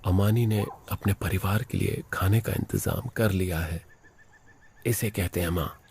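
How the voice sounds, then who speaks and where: A man narrating a wildlife documentary in a dubbed voice-over, excitedly commenting on animals as they chase and fight. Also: low voice, measured pace, a little hiss or hum. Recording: with loud background music.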